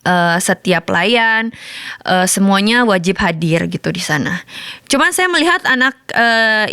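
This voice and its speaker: A woman pastor in her thirties sharing a personal testimony in a sermon, telling it in a lively, chatty way. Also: mid-range voice, clean tone, no echo, studio quality. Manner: storytelling with lively colloquial asides.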